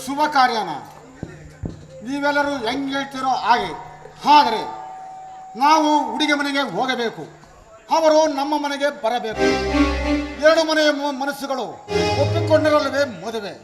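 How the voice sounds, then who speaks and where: An actor playing a grieving widowed father who heads a village household, declaiming loudly in a stage drama. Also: very high voice, a little slow, long pauses, reverberant, long reverb tail, over music. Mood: resolute. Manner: loud, declamatory lament.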